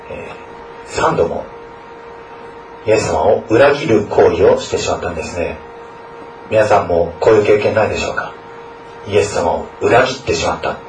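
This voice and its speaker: A man's voice: fairly low pitch, a little hiss or hum. A man, a school chaplain, praying and preaching to students in an earnest way, often adding a questioning tag to his sentences. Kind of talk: scripture reading, prayer and sermon. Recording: echoey room, distant mic.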